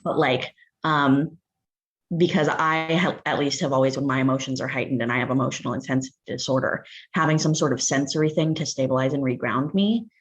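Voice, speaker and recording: A woman taking part in an online workshop over a video call, sharing her experience in a hesitant, halting way. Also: extremely low pitch, dull audio. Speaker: workshop participant.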